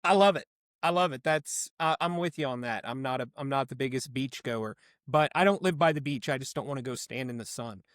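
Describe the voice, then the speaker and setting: A man's voice: medium pitch, a little fast, dry recording, studio quality. A man hosting a casual podcast interview, upbeat and laughing often. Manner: upbeat, laughs often, friendly filler talk. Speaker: podcast host.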